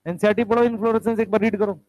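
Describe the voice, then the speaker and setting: A man's voice: sits high, steady tone, very fast, a little mellow, low-quality recording. A male teacher giving a classroom lecture, explaining step by step, asking the students questions and calling them beta and bhai.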